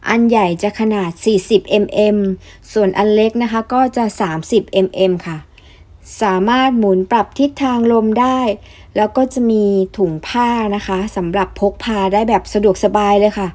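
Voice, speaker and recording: A young woman chatting politely through a casual product review vlog, explaining each piece in turn. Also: medium pitch. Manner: chatty, polite, frequent soft particles.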